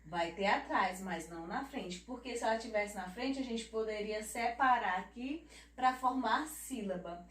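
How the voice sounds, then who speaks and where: A Brazilian woman teaches small children in a slightly high, gentle voice, stretching each word out slowly. She keeps checking in with tag questions and speaks with an affectionate, auntie-like manner. The sound is roomy and echoey, caught from some distance off the mic. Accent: Brazilian Portuguese. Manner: slow, drawn-out word spelling with tag questions; affectionate teacher talk, calls herself auntie. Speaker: primary school teacher. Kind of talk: children's lesson.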